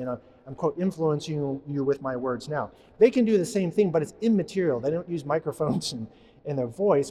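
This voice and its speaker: A male priest preaching in a church with a slightly raised pitch. He talks in a loose, conversational way and keeps putting questions to the people in the pews. His voice carries a long church reverb. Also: a little mellow. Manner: conversational, asks the congregation questions. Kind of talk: sermon.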